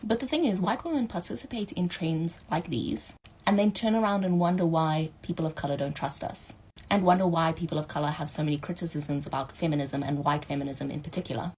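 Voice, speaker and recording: Woman, low pitch, gravelly fry, measured critical commentary. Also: darkish tone, rough recording. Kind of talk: social media commentary.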